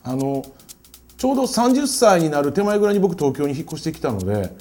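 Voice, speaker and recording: A man's voice: on the high side, fairly quick. A man in his forties from Kyoto with a Kyoto Kansai accent, explaining in a casual lecture with many hesitant fillers. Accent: Kyoto Kansai dialect. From Kyoto, Japan. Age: 40s. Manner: hesitant, many fillers, animated voicing of quoted people. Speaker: guest lecturer.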